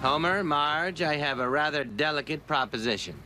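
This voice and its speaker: An actor voicing a smug, awkwardly suave rich ex-suitor in a cartoon. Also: male voice, fairly high pitch, animated, normal speed, over loud music, natural voice. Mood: smarmy. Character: smug rich nerdy ex-suitor, middle-aged man.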